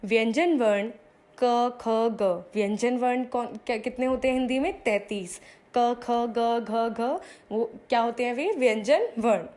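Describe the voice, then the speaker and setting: A woman's voice: fairly high pitch, unhurried, darkish tone. A young woman teaching a grammar lesson to children. She asks the class questions, answers them herself, draws out sounds and repeats key phrases.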